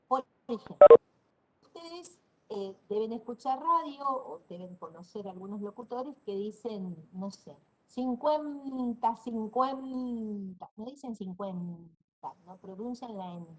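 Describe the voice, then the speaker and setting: A woman's voice: medium pitch, breathy edge, poor audio. A woman with a northeastern Argentine accent giving a university class, explaining and demonstrating pronunciations aloud. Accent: northeastern Argentine Spanish. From Corrientes, Argentina. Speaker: university lecturer. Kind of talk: online class lecture.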